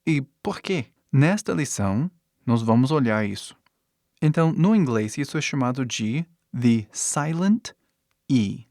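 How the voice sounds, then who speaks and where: A man's voice: medium pitch, animated, measured pace, a little mellow, no room sound, clean studio sound. A male teacher, explaining pronunciation in a video lesson and checking in with "né?" as he goes. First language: English. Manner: explanatory, frequent "né?" and "tá?" tags. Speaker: English teacher.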